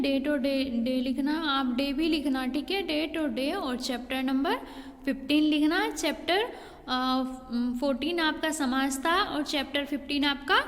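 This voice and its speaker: Patient woman teacher for a kids' class, high voice, recorded in a reverberant room. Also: a bit bright. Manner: patient, repeats "ठीक है" and "बेटा" to pupils. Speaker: school teacher. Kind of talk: online Hindi class lesson. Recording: long hall reverb.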